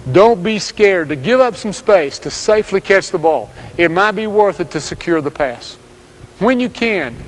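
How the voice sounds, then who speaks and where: A man giving scripted instructional narration as a basketball coach, speaking in steady, direct commands. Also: high-pitched, poor audio.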